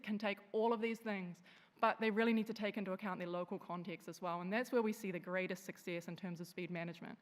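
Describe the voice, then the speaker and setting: A woman giving a conference presentation in a steady, summarizing way. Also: medium pitch. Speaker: conference speaker. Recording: reverberant hall.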